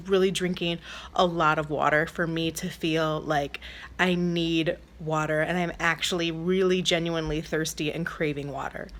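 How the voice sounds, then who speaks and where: Bright-voiced woman vlogger chatting casually. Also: fairly low pitch. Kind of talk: casual video diary chat.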